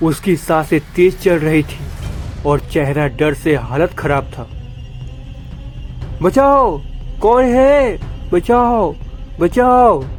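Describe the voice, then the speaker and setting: A man narrating a scripted horror story with slow suspense. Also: on the high side, a little mellow. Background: faint background music.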